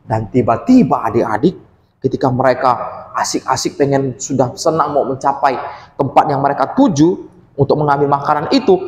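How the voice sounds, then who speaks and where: A man telling a story to children at church in an animated, gently reassuring manner. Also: a little high. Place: church hall. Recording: echoey hall.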